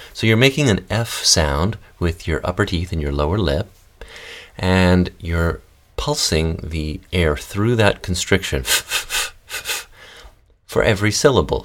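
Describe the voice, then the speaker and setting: A man hosting a podcast voice lesson, calmly guiding listeners through breathing, fuffing and humming exercises. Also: deep voice. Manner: calm, guiding instructions with demonstrations. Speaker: voice and text coach.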